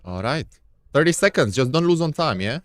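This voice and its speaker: A man's voice: on the high side, sing-song, fairly quick, no echo. A man with a Czech accent giving live backgammon commentary, chatty and playful, often repeating his phrases.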